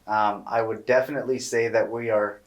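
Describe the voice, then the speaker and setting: A man co-hosting a podcast, talking in a relaxed, rambling, opinionated way and swearing now and then. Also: lowish voice, brisk, lo-fi sound. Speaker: podcast co-host. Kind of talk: casual podcast chat.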